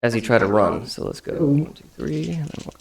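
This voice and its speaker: A man's voice: medium pitch, animated, a little fast, gravelly, a little mellow, reverberant, slight background noise. A man improvising narration and calling for rolls as the game master of a tabletop fantasy game.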